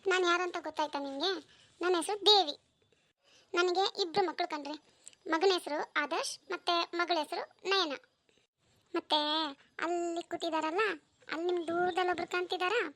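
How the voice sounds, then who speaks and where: A woman voicing a devoted village mother of two in a family cartoon story, in a gentle, homely way. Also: very high-pitched, fairly even intonation, normal speed, long pauses.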